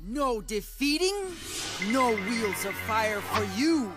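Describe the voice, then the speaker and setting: A man's voice: very high-pitched, animated, slow, over music, exaggerated voice. An actor, a man, voicing a mystical, teasing martial arts guardian in a cartoon, mock-wise and ceremonious. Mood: challenging.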